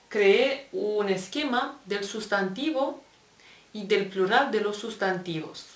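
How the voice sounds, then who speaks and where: Spanish lady teaching english real slow, sounds far off in an echoey room. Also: mid-range voice. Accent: Spain Spanish. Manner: patient, spells out letters and repeats examples. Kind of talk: explaining grammar to Spanish-speaking learners. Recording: echoey room, voice set back from the mic.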